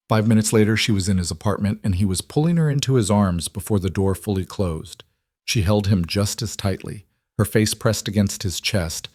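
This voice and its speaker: Low-voiced man narrating a story. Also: a little mellow, dry recording, studio quality. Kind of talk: scripted narration.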